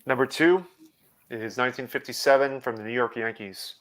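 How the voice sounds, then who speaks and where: Brief: man, trivia host on a video call, smooth clear tone, halting with fillers. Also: mid-range voice, a bit bright. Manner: hesitant, many fillers and restarts. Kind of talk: live online quiz hosting.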